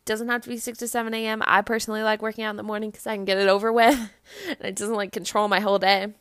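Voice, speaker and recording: A woman's voice: medium pitch, steady tone, fast, fairly bright tone, clean tone, no room sound, studio quality. A young woman hosting a podcast, giving motivational tips in a casual, chatty way, often saying "like". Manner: chatty, fills talk with "like". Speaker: podcast host.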